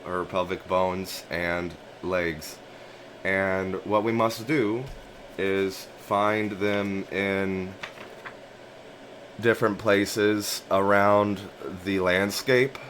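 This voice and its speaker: Male, deep and unhurried, casual dream storyteller, musing and repetitive, some background hiss. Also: fairly bright tone. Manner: musing, halting, repeats and rephrases phrases as he goes. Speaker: narrator of a personal dream journal.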